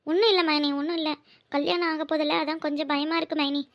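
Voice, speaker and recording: A nervous young bride-to-be in a cartoon, voiced by a woman, very high and thin with a gravelly edge. She speaks in hesitant, worried bursts. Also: fairly even intonation, fast. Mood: anxious. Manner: hesitant, fretful. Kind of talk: cartoon voice acting.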